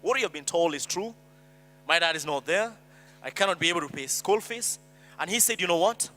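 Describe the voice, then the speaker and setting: A Kenyan man with a high, very bright, ringing voice tells his story earnestly from a stage. His words carry a long hall reverb over a low mains hum. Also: animated, brisk, soft background music. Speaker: speaker. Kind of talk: personal story speech.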